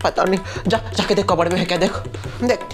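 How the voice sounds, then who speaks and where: A man playing a whole household of women and neighbours in a comedy skit, jumping between squeaky and low put-on voices, with music behind him. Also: steady tone, fast, close to an everyday voice. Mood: frantic scolding. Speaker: sketch comedian playing all characters. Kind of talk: comedy skit with one performer in every role.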